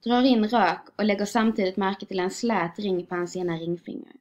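A woman reading a short story aloud in a calm, measured way. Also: mid-range voice. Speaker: reader. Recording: dull lo-fi recording.

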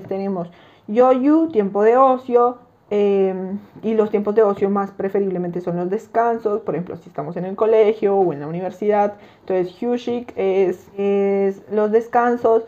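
A woman's voice: medium pitch, moderate pace, dark tone, dull audio. A young woman casually talking through her language study notes, often checking in with listeners. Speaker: language-learning vlogger.

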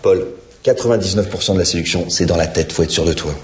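A man's voice: low-pitched, quick pace, close to an everyday voice. An actor playing a confident grown man who lectures a shy boy about girls in a comedy sketch. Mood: coaching. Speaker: school staff advising a pupil. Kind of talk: sitcom sketch acting. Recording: roomy, some noise.

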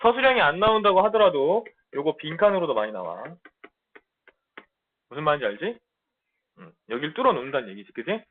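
A man with a high, lively voice giving an online English lesson in blunt, casual banter. He keeps checking that his students follow along. The sound is thin and tinny, like a phone line. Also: a little fast, long pauses. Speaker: middle school English teacher. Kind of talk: online lecture.

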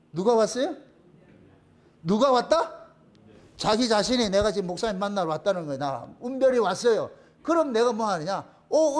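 A middle-aged man preaches with lively energy, and his voice sits very high for a man. He peppers the congregation with rhetorical questions and acts out the people in his stories. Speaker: pastor. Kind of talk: sermon.

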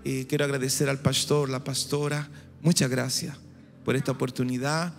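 A man in his forties, born in Chile, pastors a big congregation from a large church stage, preaching fervently into a handheld mic and rising to shouts and exclamations. His creaky, mid-range voice has little pitch movement and a moderate pace. The echoey hall has music behind him.

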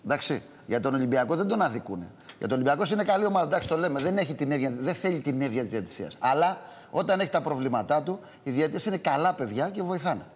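A man's voice: a little high, sing-song, slightly rough, big-room sound, lo-fi sound. A man speaking bluntly and insistently as a club official on a sports debate show. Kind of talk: heated debate.

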